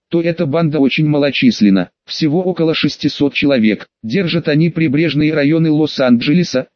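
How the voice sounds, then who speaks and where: Guy reading a first-person audiobook, brash and crude, voice a bit high, dry muffled sound. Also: no echo. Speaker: audiobook narrator.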